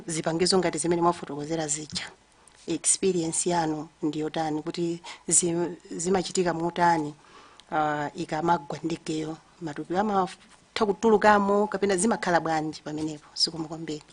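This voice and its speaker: A Malawian woman speaking as a committee member, asking formal questions at a hearing in a courteous, deferential way. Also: lowish voice.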